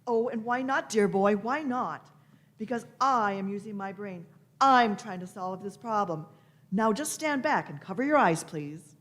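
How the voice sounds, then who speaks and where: A woman's voice: medium pitch, expressive, a little slow, a bit bright. Woman playing the Doctor, imperious eccentric genius. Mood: imperious, impatient. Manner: fussy, theatrical, repeats phrases. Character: imperious, eccentric elderly time-travelling genius, female Doctor. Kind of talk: live staged radio play.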